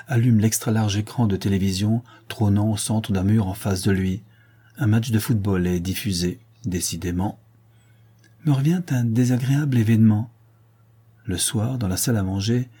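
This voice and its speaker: A man reading a novel aloud as first-person narrator, in a measured, deliberate way. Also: on the low side, dark tone, husky. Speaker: audiobook reader.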